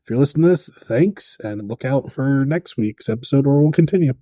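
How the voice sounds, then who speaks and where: A man co-hosting a tabletop game podcast, talking casually in a rambling, halting way with many restarts. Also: medium pitch, animated, over music. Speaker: podcast co-host.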